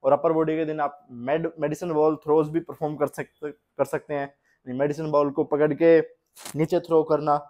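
A young man with a slightly high voice talks through workout advice as a fitness coach. He explains in a plain, steady way, recorded in a small home gym with the camera a few meters off. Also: normal speed. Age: young adult. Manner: plain, steady explaining with Hindi-English mix. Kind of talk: instructional fitness talk.

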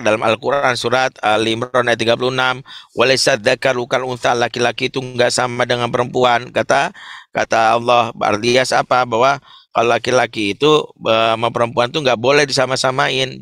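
A man teaching an Islamic parenting webinar in an animated, humorous way, acting out examples. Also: medium pitch, dry recording, studio quality.

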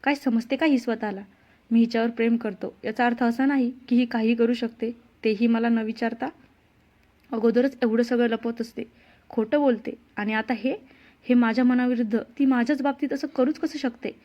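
A woman's voice: fairly high pitch, fairly even intonation, normal speed, close to an everyday voice. A woman voicing a hurt, angry young man talking to himself in a storybook reading. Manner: resentful, sharp. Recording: dull lo-fi sound.

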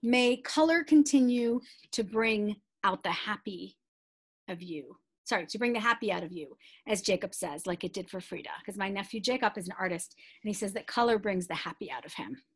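Reading a children's book aloud, a middle-aged woman is expressive and deliberate, breaking off for chatty asides that explain things to young listeners. Her mid-range voice has lively intonation and a slight roughness.

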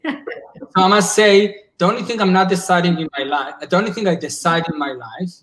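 A man in his forties speaks through a laptop webcam from home, his voice sitting a little high. He is earnest and thinks out loud, with frequent false starts and repeated words as he works his ideas out. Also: fairly quick, rough recording. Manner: earnest, searching for words with many restarts. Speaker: psychologist. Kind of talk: casual video call discussion. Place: indoors at home. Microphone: laptop webcam on a video call.

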